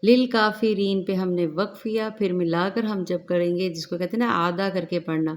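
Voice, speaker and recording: Speaking in a lowish voice, a female tajweed instructor slowly and carefully explains each rule of Quran recitation, stretching out the recited words in between.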